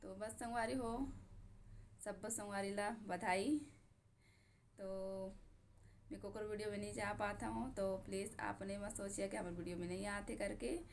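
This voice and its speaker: A young woman with a Chhattisgarhi accent chatting casually to her viewers, her voice hoarse from a sore throat. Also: medium pitch, steady tone, moderate pace, pauses often, a little hiss or hum. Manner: chatty, warm greetings to friends. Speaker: vlogger.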